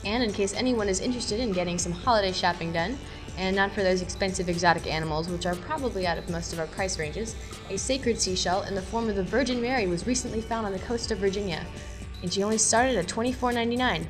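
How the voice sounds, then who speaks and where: A woman reads a scripted segment of offbeat news in a brisk, wry manner. Her voice sits in a middle pitch, and music plays clearly behind her.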